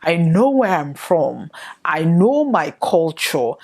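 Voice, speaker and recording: A woman from northern Nigeria with a Nigerian accent hosts a solo podcast, sharing her opinions to camera in a reflective way full of rhetorical questions. Her voice is deep and darkish in tone, with a slow, sing-song delivery.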